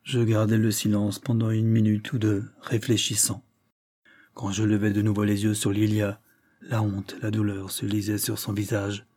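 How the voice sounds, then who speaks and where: A man reading a novel aloud in an earnest, measured first-person narration. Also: fairly low pitch, monotone, mellow, dry recording, studio quality. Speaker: audiobook narrator.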